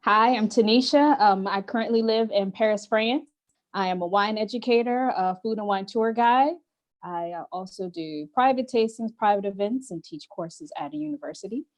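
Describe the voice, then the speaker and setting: A woman's voice: medium pitch, moderate pace. A woman who works as a wine educator and tour guide introduces herself on a video call. She talks in a brief, friendly, direct way. Her voice sits mid-range.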